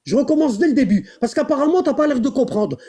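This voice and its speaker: A man's voice: very high voice, lively intonation, quick pace, dark tone. A man hosting a live online debate, arguing and repeating himself. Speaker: live stream host.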